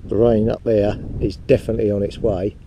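This beach metal detectorist has a fairly low, mellow voice with a level tone, and he talks fairly quickly. He rambles casually to his head-mounted action camera while digging, with wind buffeting the audio and sea noise underneath.

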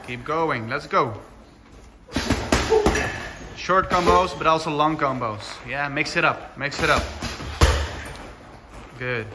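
A man's voice: on the high side, measured pace, long pauses. Man coaching a workout in an echoey gym. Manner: urging, commanding, encouraging. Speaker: kickboxing coach leading a heavy bag class. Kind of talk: workout coaching with short shouted cues and countdowns. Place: indoor kickboxing gym with mats and mirrors. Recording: echoey gym with clear background noise, clicks.

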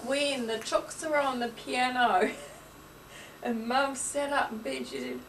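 A woman's voice: high voice, fairly even intonation, unhurried. Middle-aged New woman reminiscing. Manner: prompting, recounting an anecdote with laughter. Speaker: interviewer, family member. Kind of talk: casual family reminiscing. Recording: distant mic with faint hiss.

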